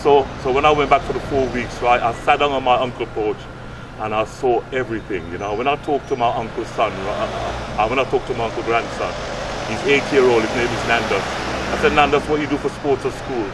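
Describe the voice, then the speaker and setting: Talking fairly quickly at a medium pitch, a late-60s man from Guyana who coaches youth fitness and mentors his community answers a casual interview earnestly, repeating himself and tacking on "right?" The street noise comes through clearly as he stands by brick flats, handheld mic at chest level, recorded from a distance.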